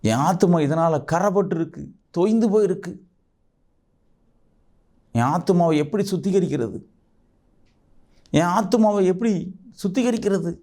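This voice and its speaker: A man's voice: sits high, expressive, unhurried, pauses often, dark tone. A male pastor, preaching a fervent sermon full of repeated rhetorical questions. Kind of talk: sermon with prayer.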